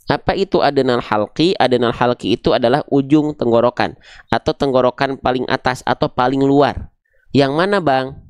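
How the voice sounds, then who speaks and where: Chatty tajwid teacher, smooth voice. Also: male voice, medium pitch, darkish tone, no room sound, studio quality. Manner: patient, chatty, checks on viewers often; demonstrates letter sounds slowly and drawn out. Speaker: Quran recitation teacher. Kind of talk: live-streamed tajwid lesson.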